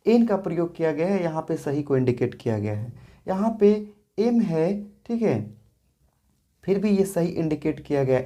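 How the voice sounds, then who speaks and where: A woman's voice: fairly low pitch, dark tone. A woman teaching English grammar in a classroom lesson, asking questions and answering them herself, often checking with "theek hai". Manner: explains patiently, asks and answers her own questions.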